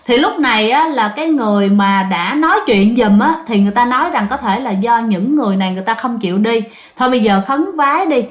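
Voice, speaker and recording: A woman's voice: on the high side, expressive, fast talker, highs cut off. A woman telling a ghost story in a chatty, casual way, often speaking to her listeners. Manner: chatty, addresses listeners often, many fillers. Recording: echoey room.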